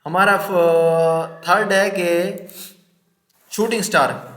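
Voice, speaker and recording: A man who teaches chart patterns to beginners, talking fast with many fillers and restarts. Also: high-pitched, fairly even intonation, fairly bright tone. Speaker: trading teacher. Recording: echoey room.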